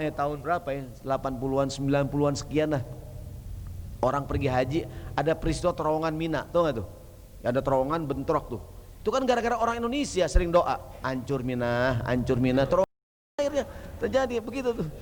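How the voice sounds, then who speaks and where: A male Islamic preacher gives a lively, joking sermon and keeps asking the audience rhetorical questions. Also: on the high side, a little hiss or hum. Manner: casual, joking, slangy delivery. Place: mosque hall. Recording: long hall reverb.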